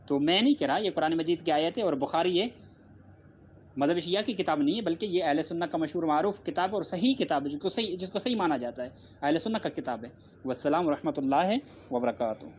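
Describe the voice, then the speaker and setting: A man's voice: fairly high pitch, a little mellow, muffled recording, slight background noise. A man giving a formal religious debate reply, repeating his points with emphasis and citing scripture. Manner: repetitive, emphatic, cites scripture and hadith.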